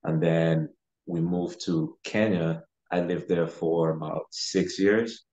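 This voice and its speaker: A Ugandan man in his thirties, a real estate investor, chats casually as a podcast guest over a video call from his living room. His voice is low, darkish and steady, and he speaks slowly, hesitantly, with plenty of "you know." Sitting back from the camera, he comes through as dull, lo-fi call audio.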